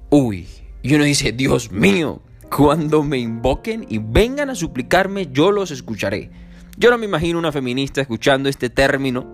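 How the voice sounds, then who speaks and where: An earnest male preacher delivers a sermon in a mid-range voice. He lifts his pitch to voice imagined pleas and scripture. Soft music plays faintly beneath him. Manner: earnest, rises in pitch for emphasis and quoted pleas.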